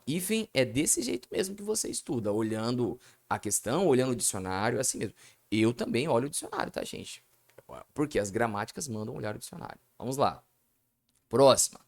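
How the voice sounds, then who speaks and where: A Brazilian-accented man talks his way through exam questions in a video lesson, his pitch rising and falling a lot. He speaks to the audience in a chatty way and answers his own rhetorical questions. His voice sits at a middling pitch. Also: vocal fry. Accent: Brazilian Portuguese. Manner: asks rhetorical questions and answers them himself; chatty, addresses viewers as "gente". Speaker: Portuguese language teacher.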